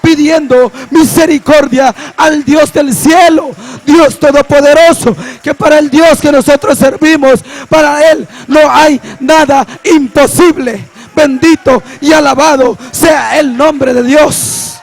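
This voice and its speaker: A young man preaching a passionate sermon, often shouting and drawing out his words for emphasis. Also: extremely high pitch, fairly even intonation, soft background music. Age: young adult. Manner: impassioned, often shouting, slow drawn-out emphasis.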